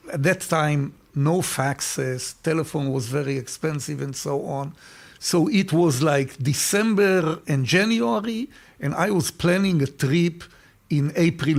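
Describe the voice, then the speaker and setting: An older man with an Israeli accent, an interview guest telling stories and often repeating words while he searches for them. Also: a little high. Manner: warm anecdotal storytelling. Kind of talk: casual interview.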